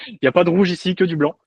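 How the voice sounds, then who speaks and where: A man's voice: high voice, a little mellow, dry recording, lo-fi sound. A young adult man, a guest coach, chatting in a laid-back, joking way on a podcast. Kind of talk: casual podcast chat.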